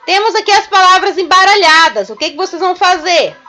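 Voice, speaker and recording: Bright high-voiced teacher woman. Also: expressive. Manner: slow, patient step-by-step explaining to young children. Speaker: primary school teacher. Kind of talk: recorded remote class lesson.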